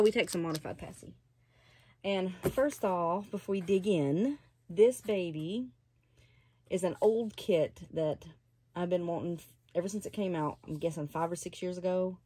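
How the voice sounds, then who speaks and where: Slow, gushing older woman. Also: mid-range voice, slight background noise. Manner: chatty, softly gushing, slow and unhurried. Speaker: reborn doll collector. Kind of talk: casual unboxing chat. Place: small home hobby room.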